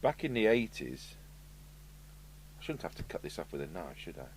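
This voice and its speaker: An English radio repairer from the UK hosts a casual, unscripted video, speaking at a moderate pace in an extremely low voice. He rambles chattily with asides while demonstrating, and the recording carries a steady hum and background noise.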